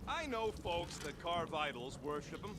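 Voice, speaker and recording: A man's voice: fairly high pitch, sing-song, normal speed. A man voicing a short-tempered, sarcastic small alien creature in a video game, grumbling and cursing in slang. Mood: grumbling sarcasm. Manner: irritable, sarcastic, slangy swearing. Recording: noisy game audio with ambience.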